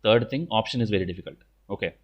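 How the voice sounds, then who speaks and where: A man's voice: on the low side, fast, highs cut off. A man with an Indian accent teaching exam questions in an informal lecture, blunt and stern, often punctuating with "okay". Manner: repeats "okay" as a verbal tic.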